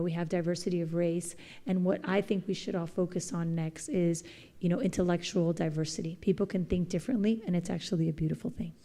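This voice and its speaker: A woman's voice: fairly low pitch, warm tone. A woman giving an earnest, articulate informal presentation as an advocate at a public meeting.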